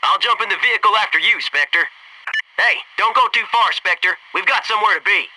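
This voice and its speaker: An actor voices a cocky, wisecracking male Navy SEAL squadmate in a military video game, delivering scripted squad radio lines as brash, punchy banter in a focused mood. His voice sits high and fairly quick. He's far from the mic, with a noisy background.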